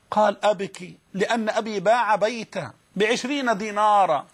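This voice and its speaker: A man's voice: sits high, a bit bright, breathy edge. A man with an Egyptian accent giving an Islamic lesson to students, telling stories animatedly and acting out the quoted voices. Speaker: preacher.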